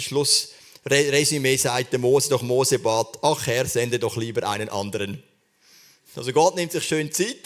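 A man preaching a sermon in a church service, speaking earnestly and conversationally, often addressing the listener directly. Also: on the high side.

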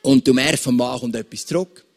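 A man with a Swiss German accent, preaching a sermon as pastor and addressing his listeners with lively examples. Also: mid-range voice, brisk, creaky, soft background music.

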